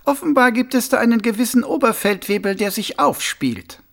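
A man's voice: extremely high pitch, big pitch swings, normal speed, a bit bright, pitched above the performer's own voice, full character voice. A man reading an audiobook, voicing a proud woman who speaks haughtily and coldly. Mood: haughty. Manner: haughty, cold. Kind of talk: audiobook character voice.

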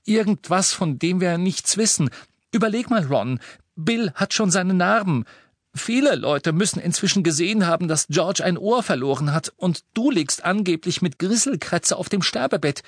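A man's voice: high-pitched, animated, moderate pace, no room sound, studio quality, voice pushed up. A man reading aloud and voicing a clever teenage girl witch who reasons and pleads earnestly. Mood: pleading.

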